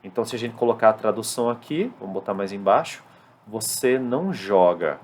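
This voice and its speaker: A man's voice: fairly low pitch, animated, a little mellow, slight background noise. Brazilian man teaching at a whiteboard. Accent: Brazilian Portuguese. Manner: explanatory, slows down to spell out English examples. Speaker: English teacher. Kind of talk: classroom-style lesson at a whiteboard.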